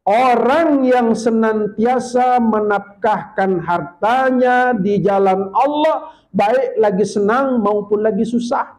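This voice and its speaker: A male preacher delivers a sermon in a lively storytelling manner, breaking into recited Arabic verses. His voice sits high. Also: poor audio.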